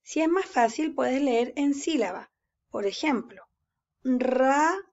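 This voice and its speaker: A woman teacher giving a reading lesson to young children, speaking slowly and patiently and stretching words out syllable by syllable. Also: high voice, lively intonation, a little mellow, highs cut off. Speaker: first-grade teacher.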